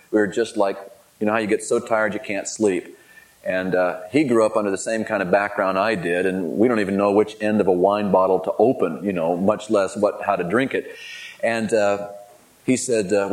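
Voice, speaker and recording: A middle-aged man with a fairly low voice delivers a sermon. He tells personal stories candidly and pokes fun at himself, growing animated as the anecdotes build. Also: poor audio. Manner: candid, self-deprecating, animated when telling anecdotes. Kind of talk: sermon storytelling.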